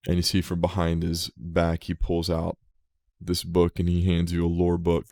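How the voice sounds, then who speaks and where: A man narrating as game master of a tabletop game over a voice call, relaxed with hesitant restarts. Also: low-pitched, normal speed, vocal fry, no echo, clean studio sound.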